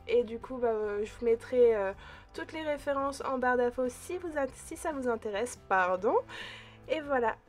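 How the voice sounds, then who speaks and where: A woman narrating a casual makeup tutorial in a chatty, relaxed way, pausing with small hesitations and speaking to her viewers like friends. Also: on the high side, soft background music. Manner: addresses viewers directly as friends. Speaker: beauty vlogger.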